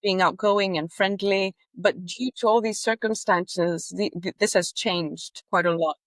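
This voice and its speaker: Greek-accented woman guest, earnest and hesitant, mid pitch, dry close recording. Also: fairly even intonation, unhurried, no room sound. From Greece. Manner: earnest, frequent hesitations and restarts. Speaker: guest, behavior analyst. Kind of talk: casual interview chat.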